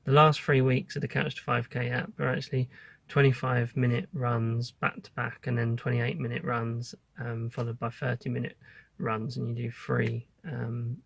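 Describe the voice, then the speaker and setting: A man speaks in a gravelly, creaky voice at a middling pitch, recorded dry and close. He sounds like an informal vlogger giving a casual update, hesitating as he thinks aloud. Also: little pitch movement, normal speed, fairly bright tone, dry recording.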